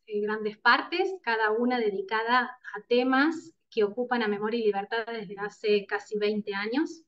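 A woman in her thirties with a Córdoba Argentine accent delivers a formal seminar presentation from her home over a video call. Her voice sits a little high, and she paces herself with frequent "eh" pauses. The audio comes through her webcam a little muffled and lo-fi. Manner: measured, speaks with frequent "eh" pauses. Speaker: seminar speaker. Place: home room with plants, indoors. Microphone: laptop webcam on a video call.

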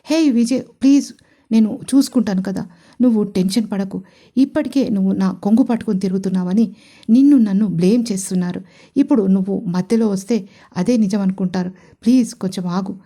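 A woman voicing a shy, polite young woman CEO who speaks hesitantly and pleads softly in an audio story. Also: medium pitch, normal speed, lightly acted.

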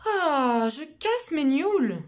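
A woman's voice: high voice, big pitch swings, slow pace, pitched above the performer's own voice, full character voice. A woman voicing a small, stubborn village girl who talks back without fear. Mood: defiant. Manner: defiant, carefree.

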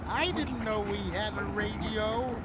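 A man's voice: sits high, heavy background noise. A man voicing a forgetful, bumbling elderly male superhero in a game. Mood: doddering. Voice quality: gravelly. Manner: slow, doddering, with sudden heroic shouts. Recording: loud game music behind.

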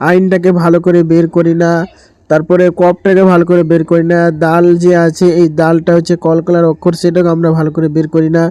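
A man teaching Quran recitation step by step, explaining each word and then chanting the verses slowly and drawn out. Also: fairly high pitch, monotone, warm tone, smooth, no echo. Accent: Bangladeshi Bengali.

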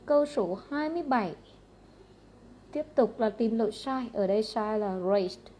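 Brisk Vietnamese woman teaching English. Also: on the high side, lively intonation, dark tone, a little hiss or hum. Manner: brisk, matter-of-fact, repeats question numbers. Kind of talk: going through exam answers.

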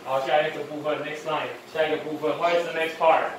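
A man's voice: a little high, flat delivery, fast. A man teaching English phonics, repeating each sound twice and scolding lapses in attention. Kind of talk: one-on-one phonics drill. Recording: very echoey room, voice far from mic, faint noise.

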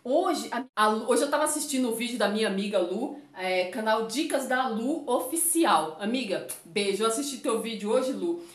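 A woman's voice: fairly high pitch, animated, normal speed, few pauses, roomy sound. A woman from Brazil talking casually to camera as a vlogger, chatty and addressing her viewers often, with a runny nose.

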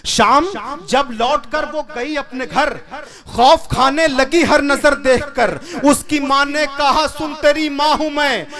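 A man's voice: very high-pitched, fairly even intonation, slow. A young man, a poet, recites sung poetry in a melodic, chanting style on a stage microphone, repeating lines, at a live gathering. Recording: live event with audible crowd. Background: audience sounds.

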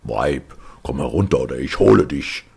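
A man's voice: very deep voice, unhurried, creaky, husky, full character voice. A man reading a fairy tale aloud, voicing a cruel furious knight who threatens his wife in a commanding way. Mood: bellowing.

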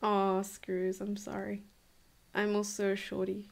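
A woman's voice: mid-range voice, monotone, unhurried, vocal fry, a little mellow. A woman in her twenties from South Africa, coaching a chess lesson in a chatty, enthusiastic way from a room at home. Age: 20s. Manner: chatty, enthusiastic, laughs and muses aloud. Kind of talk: live-streamed chess lesson.

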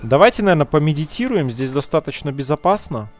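Soft music plays behind a let's play gamer whose voice is on the high side and very animated. He uses slang, calls his audience "guys," and mutters long, drawn-out thoughts to himself while gaming.

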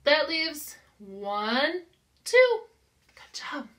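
A very animated American woman in her thirties reads aloud to young children, drawing out her words in a high, fairly bright voice. As their preschool teacher, she makes the lesson interactive with simple, encouraging lines and questions.

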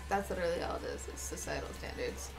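A young woman in casual gaming banter, tossing out blunt, teasing quips. Her voice swings widely and lively in pitch. Faint game music hums underneath. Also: fast talker, vocal fry, rough recording.

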